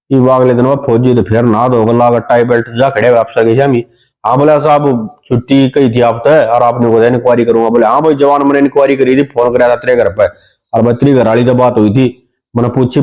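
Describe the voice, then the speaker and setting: A man with a Haryanvi accent tells folksy jokes in broad dialect. His voice is mellow and relaxed, with a slightly dull, lo-fi recording. He puts on sing-song voices for the people in his stories. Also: mid-range voice. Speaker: comedian. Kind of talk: telling folk jokes.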